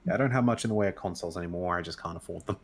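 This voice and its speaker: With a deep, breathy voice, a man races through stories as a guest on an online show. The chat is casual, and he keeps rambling and correcting himself mid-tale.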